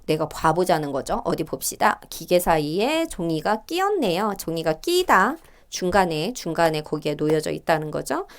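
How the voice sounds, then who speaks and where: Reading the example dialogues in a livelier, higher voice, a middle-aged woman teaches Korean by working through reading test questions. She thinks aloud as she goes, with fillers and small laughs.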